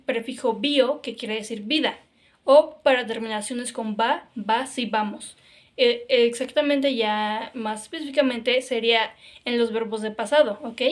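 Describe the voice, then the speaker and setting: A woman teaches a grammar lesson in a fairly high voice. She explains patiently, step by step, and often adds "ok?" or "claro" to check that her listeners follow. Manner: explanatory, frequent "ok?" and "claro" fillers.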